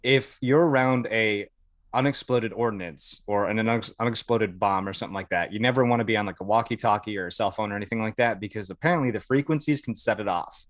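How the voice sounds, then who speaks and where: An American podcast guest and Air Force veteran talks at a quick pace in a fairly low voice. He tells casual stories informally, with some swearing and acted-out dialogue, in studio-quality sound without room sound.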